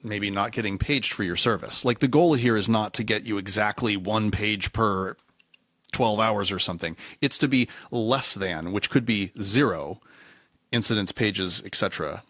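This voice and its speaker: Alçak sesli bir adam, podcast konuğu, dağınık ve kendini düzelterek konuşuyor; kayıt kuru ve yankısız. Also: male voice, on the low side, normal speed, fairly bright tone, dry recording, clean studio sound. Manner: discursive, self-correcting, slips into acted quotes. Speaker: podcast guest, reliability engineer. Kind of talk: casual conversational interview.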